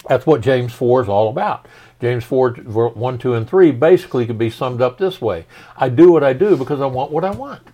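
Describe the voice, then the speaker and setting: A middle-aged man, a pastor, talking through his teaching in a relaxed, folksy conversation. He leans on everyday examples and tosses questions back at his listener. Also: medium pitch, brisk.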